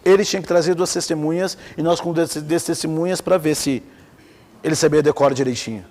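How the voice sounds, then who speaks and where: A man's voice: fairly high pitch, a little fast, big-room sound. A man with a Brazilian accent giving an informal lecture on Islamic theology, telling stories with energy and asking the class questions. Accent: Brazilian Portuguese. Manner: lively storytelling, asks the class questions.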